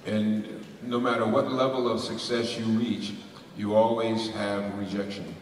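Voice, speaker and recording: Lowish-voiced guy on a con panel, rambly and laughy, booming hall from way back. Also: flat delivery, measured pace, distant mic, slight background noise. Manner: rambling, laughing, many restarts. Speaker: voice actor panelist. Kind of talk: convention panel Q&A. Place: large convention hall. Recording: echoey hall recorded from afar.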